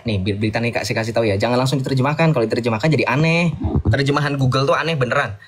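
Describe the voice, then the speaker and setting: A man's voice: medium pitch, fairly bright tone, a little hiss or hum. A man debating heatedly, combative and sarcastic, lecturing his opponent and mixing casual slang with formal speech.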